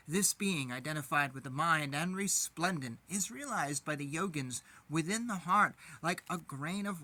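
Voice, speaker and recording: Male scripture reader, fairly high, bright, steady and measured. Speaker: podcast host reading scripture. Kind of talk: scripture reading.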